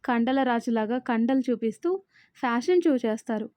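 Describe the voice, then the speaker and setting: A woman doing a sharp-tongued young wife. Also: fairly high pitch, moderate pace, no room sound, natural voice. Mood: sassy. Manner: sassy, scolding.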